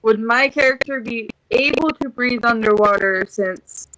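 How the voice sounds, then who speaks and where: A woman playing a tabletop game, talking casually and deliberately with the group. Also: fairly high pitch, fairly bright tone, dry recording, poor audio. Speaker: player.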